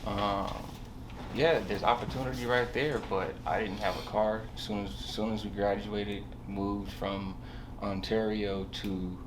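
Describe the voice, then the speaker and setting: A young barber from Southern California speaks as a podcast guest, telling his own story in a low, steady voice at a measured pace. He rambles casually and hesitates, leaning on slang and peppering his speech with "bro" and "you know," while clear background noise runs through the recording.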